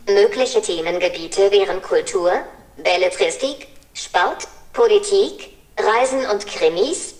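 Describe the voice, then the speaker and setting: A synthetic female robot voice speaks in polite, cheerful assistant phrases at a middle pitch. It is caught from some distance in a roomy, echoing space. The delivery is steady and scripted. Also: slow pace. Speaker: humanoid service robot. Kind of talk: scripted demo talk. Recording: roomy and far from mic.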